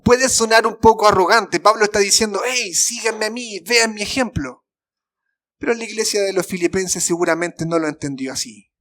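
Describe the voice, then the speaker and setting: Chilean pastor guy preaching in church, high-ish voice, fervent then soft and slow. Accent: Chilean Spanish. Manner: preaching with fervent emphasis, sudden drops to soft slow phrases. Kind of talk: sermon. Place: church sanctuary.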